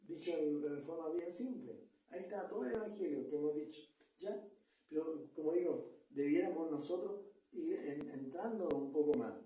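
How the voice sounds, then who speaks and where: A man's voice: a little high, lively intonation, normal speed, dark tone. A man, a pastor, preaching an earnest sermon and checking in with the congregation. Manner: earnest, repeats words, asks the congregation "¿ya?". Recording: echoey church hall, mic far off.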